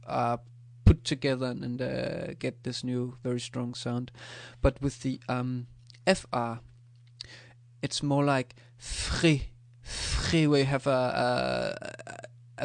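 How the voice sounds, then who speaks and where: Slow, gravelly man teaching. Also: mid-range voice, dry recording. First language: Danish. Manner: slow and hesitant, with many fillers, repeating sounds. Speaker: language teacher. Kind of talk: pronunciation lesson.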